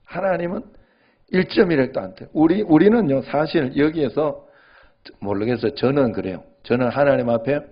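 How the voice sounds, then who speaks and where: A man's voice: medium pitch, animated, normal speed, dull audio. A male pastor giving a sermon in a conversational way, often checking in with the congregation.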